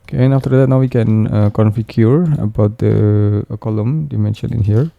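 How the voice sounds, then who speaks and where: A man narrating an unscripted step-by-step software tutorial, speaking in halting, repetitive phrases with frequent hesitations. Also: lowish voice, steady tone, creaky, dry recording, phone-quality sound.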